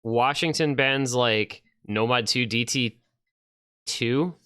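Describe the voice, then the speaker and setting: A young man doing casual esports commentary, teasing and quick to react. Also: medium pitch, sharp tone, smooth, no echo, clean studio sound. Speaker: tournament commentator.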